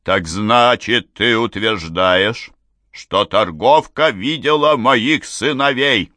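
A man voicing a stern middle-aged father who speaks slowly and heavily and rises into shouts. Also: fairly low pitch, no echo. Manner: slow, heavy, rising into shouts.

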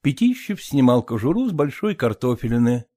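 A man narrating an audiobook in an expressive reading. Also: mid-range voice, fairly quick. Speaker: audiobook reader.

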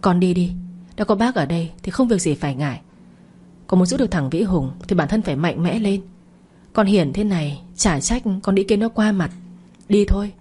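A woman's voice: on the low side, expressive, moderate pace, mellow, slight background noise, lightly acted. Woman voicing a fierce scolding older mother. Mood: bossy. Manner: harsh, scolding and bossy. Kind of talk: audio story reading.

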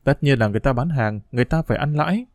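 A man narrating a storybook in a steady, measured reading voice. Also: mid-range voice, dry recording, studio quality.

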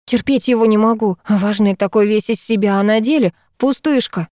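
A woman's voice: medium pitch, brisk, a little mellow, dry recording, studio quality, voice pushed up, close to an everyday voice. A woman voicing a scornful young woman in an audiobook, speaking in a biting, disdainful way. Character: scornful young woman, sharp-tongued office friend. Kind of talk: audiobook character voice.

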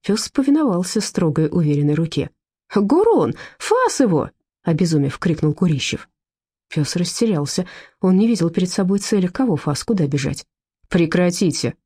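A woman reads a story aloud with animated, expressive delivery. Her pitch moves a lot, her tone is dark and mellow, and her voice has a slight huskiness. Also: a little fast, breathy edge, no room sound, clean studio sound. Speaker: audiobook narrator. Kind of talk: scripted narration.

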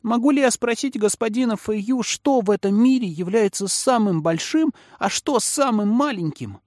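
A man's voice: lively intonation, normal speed, a little mellow, no room sound, studio quality. A man reading a storybook aloud and voicing a small child with a ringing voice, asking eagerly. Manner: high, eager questioning.

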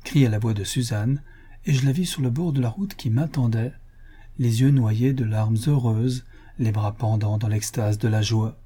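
Husky dark-voiced male narrator. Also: mid-range voice. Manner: measured, expressive reading. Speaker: audiobook narrator. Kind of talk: literary audiobook narration.

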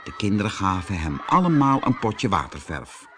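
A man from the Netherlands reading a children's fairy tale aloud as a storyteller, lively and expressive. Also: on the low side, moderate pace, a little hiss or hum. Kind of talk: audiobook fairy tale narration.

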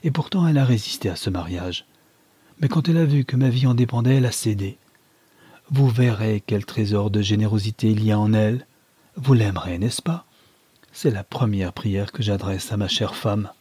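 A man's voice: on the low side, moderate pace, mellow, husky, no room sound. A man reading as an ardent, pleading young lover. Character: young man desperately in love, pleading and wounded.

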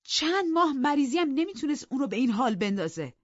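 A woman's voice: sits high, sing-song, dry recording, lo-fi sound, pitched above the performer's own voice. A woman voicing a stern, wounded husband in an audiobook, reproachful and demanding. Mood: bitter.

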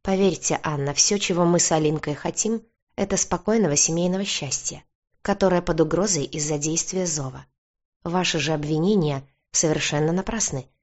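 A woman reading a calm, composed man in an audiobook, with a steady, reassuring manner. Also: deep voice, moderate pace, dull audio. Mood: earnest. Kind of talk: audiobook character voice.

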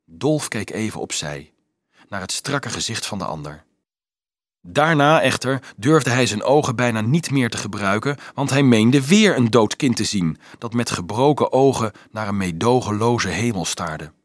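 A man narrating an audiobook in an expressive storytelling manner. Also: on the low side, moderate pace, no echo, studio quality.

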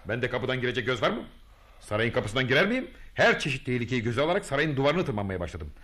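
A man's voice: medium pitch, very animated, fast talker, a bit bright. A man acting a vain, boastful would-be freedom hero in a radio drama, telling his deeds grandly and muttering to himself. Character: boastful self-styled male freedom hero, pompous, vain.

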